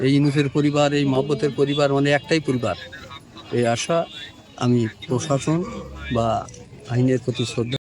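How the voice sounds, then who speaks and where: A middle-aged man giving an unscripted condolence statement in short, halting phrases. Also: mid-range voice. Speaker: political associate of the victims. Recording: crowd noise around the speaker.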